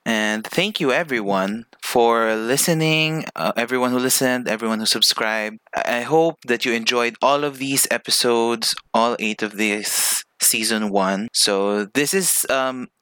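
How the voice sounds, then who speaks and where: A man hosting a casual podcast chat, relaxed and rambling, slipping in Tagalog words. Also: mid-range voice, clear, resonant tone, dry recording, studio quality. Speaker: podcast host.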